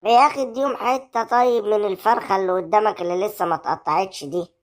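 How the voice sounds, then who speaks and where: A woman's voice: medium pitch, quick pace, natural voice. A woman with an Egyptian accent voicing a cocky young male street thug who mutters insults in a cartoon comedy. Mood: needling. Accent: Egyptian Arabic.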